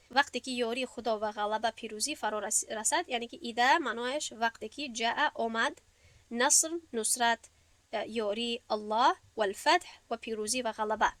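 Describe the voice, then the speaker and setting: A woman's voice: on the high side, a bit bright, dry recording. Patient woman teacher. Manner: patient, step-by-step explaining, recites verses slowly. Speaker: Arabic grammar teacher. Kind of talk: classroom lesson.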